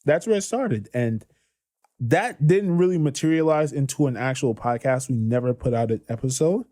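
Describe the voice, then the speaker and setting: A young man in his twenties, a podcast guest, tells his story in a loose, excited flow. He stumbles over words and restarts, drops plenty of slang, and talks at a middle pitch. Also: normal speed. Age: 20s. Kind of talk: casual podcast chat.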